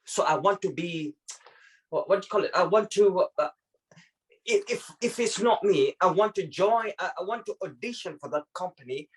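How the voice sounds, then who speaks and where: This panel participant, a man originally from Zimbabwe, has a high-pitched, expressive voice at a normal speed, and he talks reflectively on a video call. He tends to repeat words as he looks for the right ones, and the recording sounds poor.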